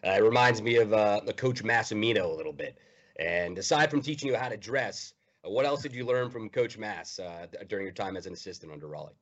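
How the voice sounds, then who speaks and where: A man's voice: fairly low pitch, expressive, quick pace, lo-fi sound. A man co-hosting a podcast who asks a question hesitantly, with many fillers. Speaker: podcast co-host. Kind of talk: casual podcast conversation.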